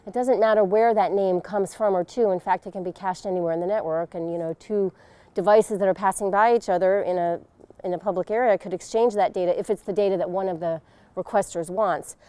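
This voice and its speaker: A woman's voice: mid-range voice, steady tone, a little fast, mellow, clear, resonant tone, dry recording. A middle-aged woman interviewed outdoors on a lapel mic, explaining a technical subject thoughtfully and with emphasis. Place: outdoors in a leafy garden.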